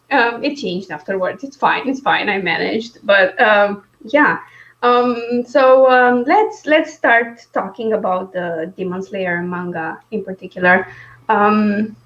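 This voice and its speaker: Speaking at a measured pace in a medium-pitched, fairly bright voice, a woman co-hosts an indoor live video stream about books. Her unscripted chat is informal and hesitant, laced with wry self-deprecation. The sound has the dull, lo-fi feel of an online call.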